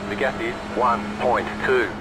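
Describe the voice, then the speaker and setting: A man voicing a terse race spotter who calls out traffic and lap times in clipped, flat short calls, over loud car engine noise. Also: mid-range voice, unhurried, lightly acted.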